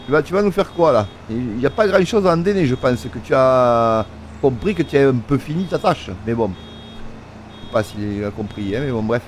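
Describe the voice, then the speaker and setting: A man's voice: mid-range voice, expressive, moderate pace, slight background noise. A man giving casual, filler-heavy commentary over his farming game and joking with the workers in it. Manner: chatty, many fillers, talks to workers in the game. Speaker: gaming video creator. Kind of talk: casual let's-play commentary.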